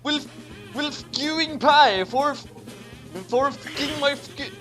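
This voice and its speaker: With a high voice at a slow pace, a reader performs a comedic dramatic reading of badly written fan fiction, stumbling and repeating phrases over the garbled text. Music plays in the background and the audio is poor.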